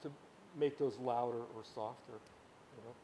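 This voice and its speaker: A music teacher from a Ukrainian-speaking background leads an informal workshop lecture on sound in a camp workshop room. He explains at length in a rambling way, full of restarts, fillers, and "you know"s. His mid-range voice is mellow and steady at normal speed, with slight background noise.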